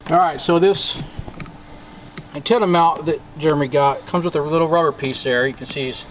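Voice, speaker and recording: An American man hosts a DIY boat maintenance video, narrating a casual, hands-on how-to in a plain-spoken, informal way. His voice is on the high side at a moderate pace, captured on a camera mic outdoors on a boat parked by a driveway. The audio is poor, with faint outdoor background noise.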